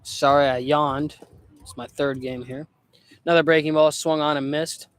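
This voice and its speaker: A young man calling amateur baseball play-by-play in a relaxed, chatty way, often correcting himself. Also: a little high, moderate pace, clean tone. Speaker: play-by-play announcer.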